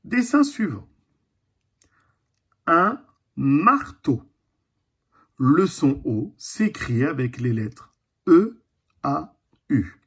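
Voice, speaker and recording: A primary school teacher giving a recorded reading lesson to young children, speaking slowly and deliberately, repeating each word. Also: mid-range voice, big pitch swings, slightly rough. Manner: slow, deliberate, repeats and stretches words.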